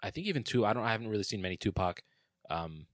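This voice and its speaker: A man's voice: lowish voice, very animated, racing, a bit bright, dry recording. A man in casual chat, talking earnestly and thoughtfully, explaining his views.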